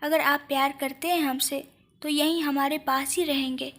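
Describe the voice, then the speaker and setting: A woman voicing a devoted young wife who pleads softly and addresses her husband formally. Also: high voice, fairly even intonation, moderate pace. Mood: pleading.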